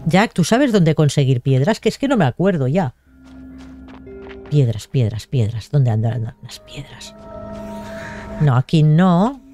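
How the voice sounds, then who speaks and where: A woman's voice: deep voice, lively intonation, measured pace, long pauses, dark tone, soft background music. A young woman giving casual, chatty gameplay commentary and talking to herself as she plays. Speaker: gaming video host.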